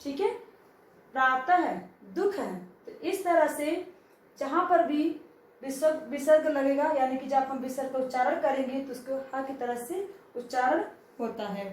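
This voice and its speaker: A woman's voice: high voice, normal speed, a little mellow, distant mic. A woman teacher giving a grammar lesson to children, asking them questions and then answering them herself. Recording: very echoey room, voice from off-mic.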